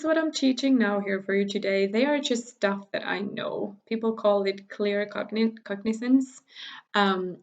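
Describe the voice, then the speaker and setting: Speaking English to her viewers, a Finnish woman whose first language is Finnish gives a casual recorded workshop talk as a spiritual teacher, chatty and warm-hearted, laughing often with many fillers and restarts. Her mid-pitched voice has a gravelly vocal fry, and the muffled sound suggests a simple home setup on a camera or phone mic.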